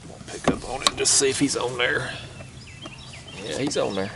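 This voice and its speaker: This fishing vlogger, a young man, speaks at normal speed in a creaky mid-range voice, chatting to camera as he fishes from his kayak on a foggy river. He's relaxed and talkative, drawling "y'all" and "ain't". The action camera on the kayak picks up faint river noise.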